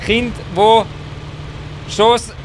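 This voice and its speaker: A man with a Swiss German accent streaming a shooter game, joking, boasting and breaking into loud outbursts. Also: sits high, level tone, takes it slowly, background noise. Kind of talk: casual gaming chat.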